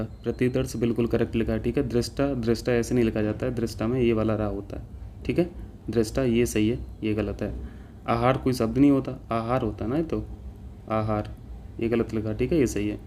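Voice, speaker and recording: A man's voice: medium pitch, dark tone, a little hiss or hum. A man teaching an exam-prep class, walking through answers step by step and checking in with students again and again. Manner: explains step by step, keeps checking with "ठीक है".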